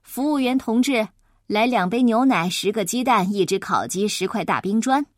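A woman's voice: a little high, expressive, moderate pace, no echo, studio quality, voice pushed down. A woman voicing a boastful, lazy adult male acrobat who talks in a haughty, scornful drawl. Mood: smug.

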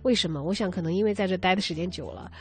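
Fast-talking, chatty woman radio host. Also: fairly low pitch. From China, outside Beijing. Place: radio studio.

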